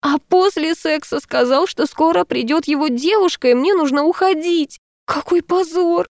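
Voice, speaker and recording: A woman reading an audiobook puts on a heartbroken young woman with a thin, high whimper that keeps rising into a plaintive squeak. The delivery is close and dry, with no room sound around it. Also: normal speed, no room sound. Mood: sobbing. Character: tearful young woman, ashamed and distraught. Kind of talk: audiobook character voice.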